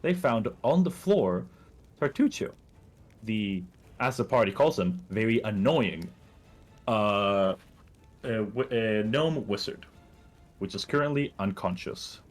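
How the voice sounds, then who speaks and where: A man's voice: lowish voice, lively intonation, slow pace, pauses often. A man recapping and running a tabletop game as game master, explaining the rules patiently.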